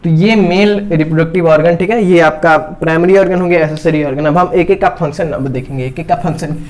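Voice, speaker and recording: A man's voice: on the high side, fairly even intonation, brisk, darkish tone. A man teaching biology while drawing a diagram, repeating each term and checking in constantly with his students. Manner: repeats terms, checks in with "theek hai" constantly.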